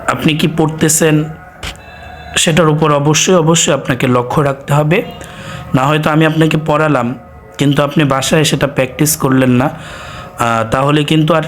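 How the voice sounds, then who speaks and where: A man teaching Quran reading, spelling words out letter by letter in a slow, repetitive drill and frequently saying "ah" between phrases. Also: fairly high pitch, a bit bright. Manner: frequent filler "ah". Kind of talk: spelling lesson, recited letter by letter.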